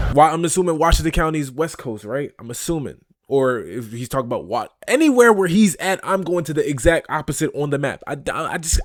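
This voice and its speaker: A man's voice: a little high, dry recording, clean studio sound. A man hosting a reaction video, talking in a casual, incredulous and profane way.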